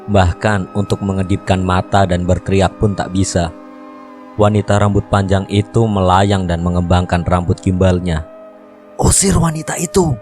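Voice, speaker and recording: Male horror narrator, deep, steady read, soft music under. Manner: steady storytelling. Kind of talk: scripted first-person narration.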